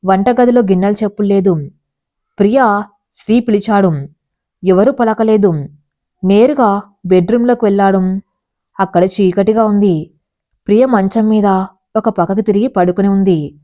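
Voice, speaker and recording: Measured woman storyteller, lo-fi. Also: mid-range voice. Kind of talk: scripted audio-story narration. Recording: dull lo-fi recording.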